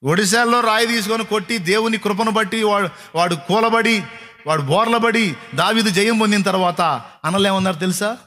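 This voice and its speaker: A man's voice: high voice, brisk, bright, forceful tone. A male pastor giving a sermon, speaking emphatically, repeating phrases and firing rhetorical questions at his congregation.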